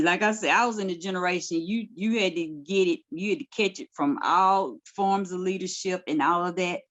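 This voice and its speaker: A middle-aged woman speaks in a somewhat low voice, a guest minister on a casual podcast. She talks in a lively, colloquial way and hands out blunt life advice. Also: highs cut off.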